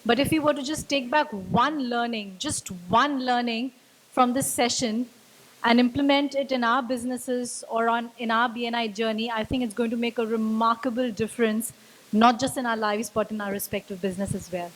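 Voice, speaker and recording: A woman's voice: on the high side, fairly even intonation, normal speed, low-quality recording. A woman hosting a business event on stage, thanking the speaker and politely announcing the next guest, with hesitant fillers. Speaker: event emcee.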